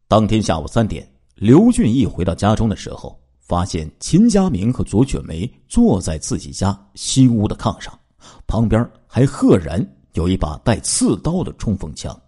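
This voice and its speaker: Male true-crime storyteller, dramatic delivery, asides to listeners, husky voice, low pitch. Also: huge pitch swings, normal speed, mellow. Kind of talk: spoken true-crime narration.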